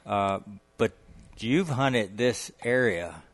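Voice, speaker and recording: A man's voice: lowish voice, animated, slow pace. A man co-hosting a casual podcast, talking in a folksy, enthusiastic, rambling way. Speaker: podcast co-host. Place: guest's home on the coast.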